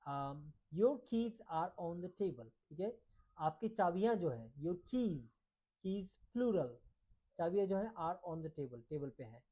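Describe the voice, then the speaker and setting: A man with an Indian accent teaching English grammar in a bilingual lesson. He reads English examples slowly, then explains them quickly in Hindi. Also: high voice, dark tone.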